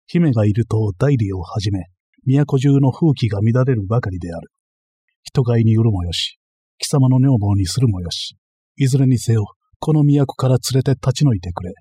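A man voicing a calm, unflappable young male messenger, delivering everything flatly and matter-of-factly. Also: medium pitch, husky, no echo. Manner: flat, matter-of-fact delivery.

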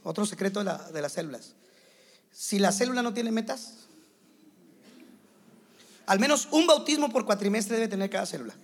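A man preaching a sermon to church leaders, animated and playing out quick scenes in other voices. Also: high voice. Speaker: pastor.

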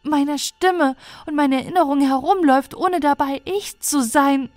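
A woman's voice: a little high, normal speed, a little mellow, no room sound, voice pushed up, natural voice. Woman voicing a despairing alien girl. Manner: pleading, trembling with despair. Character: young female alien weaver, fearful and despairing. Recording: dry close recording with faint music.

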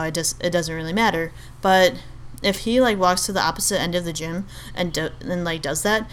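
A woman's voice: fairly low pitch, a bit bright, slight background noise. A young woman from Albania hosting a podcast, talking in a rambling, casual monologue full of fillers and restarts. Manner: chatty, rambling, many fillers and self-corrections. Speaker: podcast host.

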